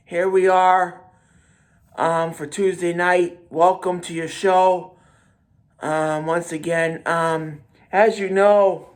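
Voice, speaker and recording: A man of forty hosting his own podcast, talking in a halting, repetitive way with many restarts and fillers. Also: on the high side. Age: 40s. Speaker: podcast host. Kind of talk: casual monologue.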